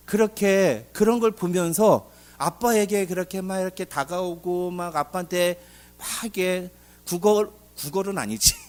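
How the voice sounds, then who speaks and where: A male pastor preaching a sermon with a high voice that rises and falls widely. He asks his listeners rhetorical questions as he goes. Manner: animated preaching with acted-out dialogue and rhetorical questions.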